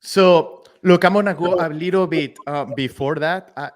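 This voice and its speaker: Excited Mexican-accented man, fairly high voice. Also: normal speed. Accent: Mexican Spanish. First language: Spanish. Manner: enthusiastic, peppers sentences with "man" and "dude". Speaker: podcast guest, roofing company owner. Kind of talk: casual interview chat.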